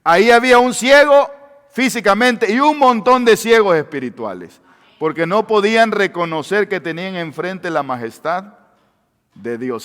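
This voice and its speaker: A man preaching a sermon with passion, swinging between loud cries and hushed words. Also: high voice, clean tone. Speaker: pastor. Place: church sanctuary. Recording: long church-hall reverb.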